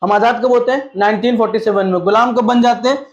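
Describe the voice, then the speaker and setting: High-voiced teacher lecturing in an echoey room. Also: male voice, fairly even intonation, fast. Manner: asks rhetorical questions and answers them; mixes English terms into Hindi. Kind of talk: classroom-style lecture. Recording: echoey room, slightly dull sound.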